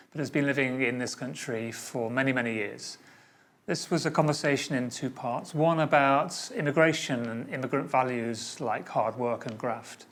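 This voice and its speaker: A man's voice: mid-range voice, a bit bright. Curious man hosting an interview podcast. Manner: curious, thoughtful questioning with restarts. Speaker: podcast host.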